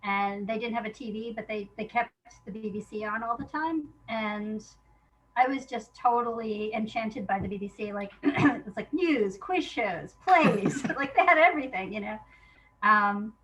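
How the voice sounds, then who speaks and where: Her voice fairly high-pitched and her speed normal, a playwright talks casually about her work as an interview guest, animatedly reenacting conversations she remembers. The recording is rough.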